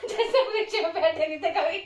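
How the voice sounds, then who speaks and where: A woman's voice: very high voice, quick pace. A woman vlogger from Uttarakhand telling a funny story in casual Hindi, laughing often. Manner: laughing often while retelling. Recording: echoey room, from far off.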